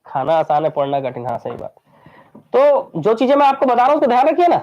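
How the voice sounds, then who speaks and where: This man's pitch is extremely high, swinging widely, and he talks fast in a slightly mellow voice. He's from Chhattisgarh, India, leading exam-prep by drilling lists through repetition and quizzing students. The audio is dull and lo-fi.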